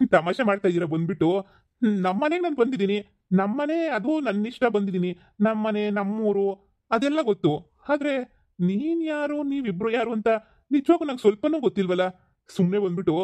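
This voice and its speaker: A man's voice: high voice, lively intonation, moderate pace, a little mellow, dry recording. A man playing a bewildered, scolding village father who has forgotten his family, in a comedy skit. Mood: puzzled, scolding. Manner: scolding, incredulous, rambling.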